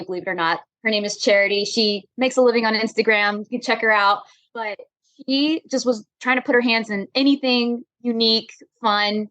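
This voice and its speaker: A young adult woman, a podcast guest, talks upbeat and eager, laughing easily as she tells her story. Her voice sits a bit higher than most women's, and the sound is dry and close with no room echo. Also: a bit bright. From Florida, USA. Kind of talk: casual interview chat.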